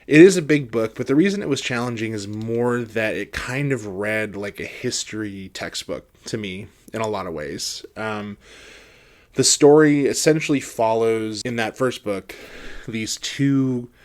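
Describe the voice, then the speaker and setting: A man's voice: lowish voice, a little slow. A man giving a casual, rambling book review, conversational and hedging, often trailing off at the ends of phrases.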